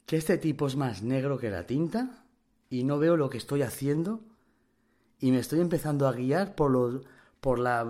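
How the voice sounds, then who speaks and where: A man's voice: mid-range voice, a little mellow. A young Spanish man from Spain telling an anecdote casually, rambling with lots of slang, fillers and imitated sounds. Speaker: storyteller.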